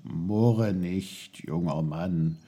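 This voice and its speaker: A man voicing old talking trees, speaking slowly and gently with a rumble. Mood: calm. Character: old wise talking trees, slow and deep.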